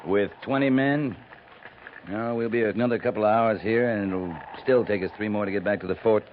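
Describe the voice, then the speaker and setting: An actor playing a stern, laconic cavalry captain in a 1950s radio western, giving commands in a terse, grim manner. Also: male voice, on the low side, a little fast, lightly acted. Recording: muffled 1950s radio transcription, faint hiss.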